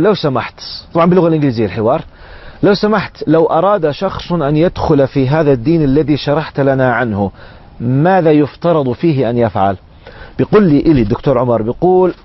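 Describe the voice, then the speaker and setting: A man preaching in a storytelling sermon, acting out the people he quotes. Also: on the high side. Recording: dull lo-fi radio recording.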